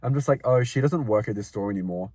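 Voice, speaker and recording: A man's voice: on the low side, quick pace, mellow, a little hiss or hum. A young man co-hosting a casual chat, telling work stories with frequent laughs and swearing. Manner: laughs often, swears, mocks customers. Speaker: podcast co-host.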